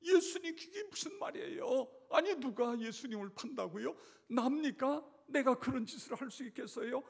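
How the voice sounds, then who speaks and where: A man preaching in a sermon voices a startled male disciple who cries out, near shouting, that he is innocent. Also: lively intonation, normal speed, creaky, husky, exaggerated voice. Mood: shocked. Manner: high-pitched cry, near shouting. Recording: long church-hall reverb.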